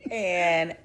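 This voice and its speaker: A woman giving a casual episode recap as a reviewer, a lively storyteller who acts out the characters' lines. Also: lowish voice. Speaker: TV show reviewer.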